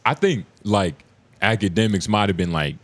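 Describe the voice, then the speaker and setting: Laid-back low-voiced podcast co-host, man. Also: expressive, normal speed, no room sound. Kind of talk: casual chat.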